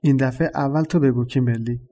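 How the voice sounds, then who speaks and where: Mellow-voiced man teaching a lesson. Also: mid-range voice, steady tone. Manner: measured, explanatory teaching tone. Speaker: language teacher and host. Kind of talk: explaining a lesson.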